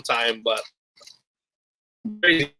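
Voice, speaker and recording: A man on a video call whose voice breaks up and drops out over a bad connection, speaking haltingly. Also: mid-range voice, pushed and bright. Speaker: guest co-host on a video call.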